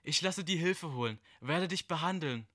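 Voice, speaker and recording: A man voicing a coaxing, falsely gentle male being in a dramatic story reading. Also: a little high, lively intonation, moderate pace, dry recording, studio quality, pitched above the performer's own voice.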